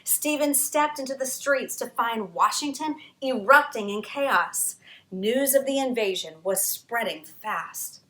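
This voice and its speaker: This is an expressive storytime session in a reverberant room, where the author reads her children's history book. She sounds bright and a little higher-pitched than most, pausing dramatically and stressing words with energy.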